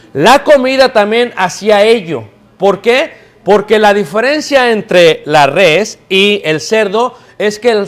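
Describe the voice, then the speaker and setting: A man preaching to a live congregation in a church, his pitched notably high. He tells stories with energy and keeps tossing questions out to the listeners so they answer back. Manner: lively storytelling, calls out questions to the congregation. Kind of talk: sermon.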